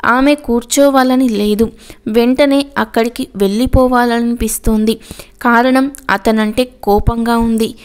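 Female story narrator, calm and even, bright clear voice, slightly high. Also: a little slow. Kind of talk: storybook reading.

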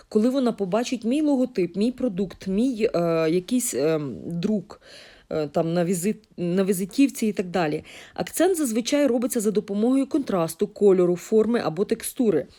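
Lively Ukrainian woman teaching art. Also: mid-range voice. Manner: lively, with fillers and self-corrections. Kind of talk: explaining art and design lesson.

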